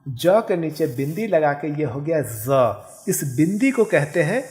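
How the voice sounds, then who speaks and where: A male teacher giving a Hindi grammar lesson, explaining step by step and saying example words slowly and carefully. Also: fairly high pitch, sing-song, darkish tone. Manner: explains step by step, often checking with "ठीक है". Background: background noise.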